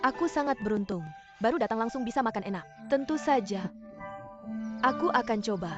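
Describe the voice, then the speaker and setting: A woman dubbing a kind, calm young woman who grew up an orphan, in a television drama. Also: a little high, brisk, close to an everyday voice. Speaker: dubbing actress. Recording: dull sound, music behind.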